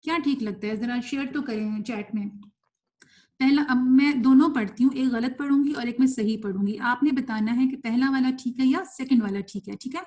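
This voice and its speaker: Brief: young woman, tajweed teacher in a live online class, brisk explanations with English mixed in, slow drawn-out recitation of examples, fairly high voice. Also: mellow. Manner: explains quickly, then recites words slowly and drawn out; mixes in English words while teaching.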